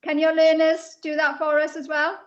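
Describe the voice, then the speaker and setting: A woman's voice: sits high, monotone, moderate pace. A woman hosting an online school event over a video call, prompting participants in an informal way. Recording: dull video-call audio.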